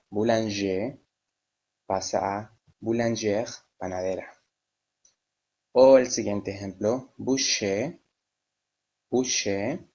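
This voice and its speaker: A man teaching a French lesson, who spells word endings letter by letter and repeats each word slowly. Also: on the low side, darkish tone. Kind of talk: slow step-by-step language lesson.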